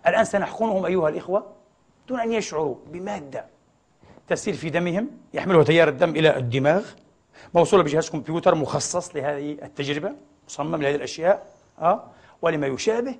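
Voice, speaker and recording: A middle-aged man preaching a sermon in a mosque, who keeps asking the congregation rhetorical questions and calling them brothers. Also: fairly high pitch. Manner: fills pauses with rhetorical "what?" questions to the congregation; often addresses the audience as brothers. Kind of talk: Friday sermon lecture. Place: mosque prayer hall.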